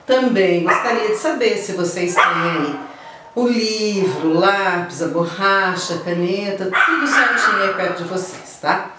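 A woman's voice: medium pitch, a little slow, very noisy. A woman teacher with a Brazilian Portuguese accent, giving a remote class and explaining things step by step with frequent tag questions. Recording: echoey room, voice from far off the mic.

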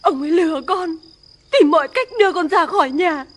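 An actress playing the desperate wife of a gambler who laments loudly over her husband and son, in an old film. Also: very high voice, fairly quick. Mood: wailing. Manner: wailing, lamenting. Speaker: wife and mother.

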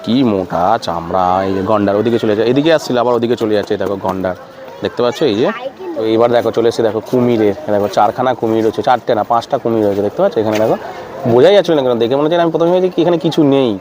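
A man's voice: lowish voice, rapid-fire. A man with a Bengali accent giving casual walking-tour commentary at a zoo, pointing things out over and over. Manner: points things out constantly, repeats "look here". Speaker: vlogger touring a zoo. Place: outdoors at a busy zoo. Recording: crowd noise outdoors. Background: crowd and animal sounds.

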